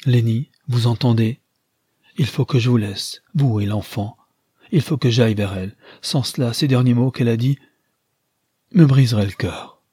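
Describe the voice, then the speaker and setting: A man's voice: mid-range voice, moderate pace, warm tone, husky, no room sound, clean studio sound, close to an everyday voice. A man voicing a young mother, impassioned and tender, in an audiobook reading. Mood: pleading. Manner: pleading, urgent.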